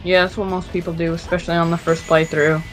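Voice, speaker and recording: A speaker of middle pitch joining over a voice call that sometimes drops, chatting about games in a teasing, mock-dramatic way. Faint game music sits underneath the voice. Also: flat delivery, quick pace, poor audio. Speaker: co-commentator. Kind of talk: casual gaming chat. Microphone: voice call, connection drops.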